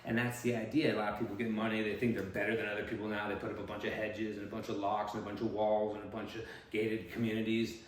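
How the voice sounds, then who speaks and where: A man's voice: on the low side, little pitch movement, fast talker, hardly any pauses. A man, a political candidate, musing in a rambling, digressive monologue with frequent "right?" checks. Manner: digressive, musing, tag questions. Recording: echoey room.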